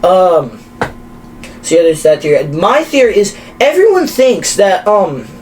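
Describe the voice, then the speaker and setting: A man's voice: sits high, a little slow, a little hiss or hum, rough recording. A young man co-hosting a podcast, talking casually and animatedly, with lots of fillers and restarts. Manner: animated, rambling with many fillers. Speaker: podcast co-host. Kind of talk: casual chat.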